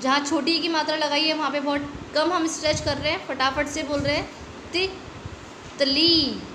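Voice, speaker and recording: An Indian woman teaching a young children's Hindi class, drawing out each word slowly and asking the kids questions. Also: sits high, fairly even intonation, noisy background. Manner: slow, drawn-out word stretching with quiz questions. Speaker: primary school Hindi teacher. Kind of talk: online class lesson. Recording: echoey room with faint ambience.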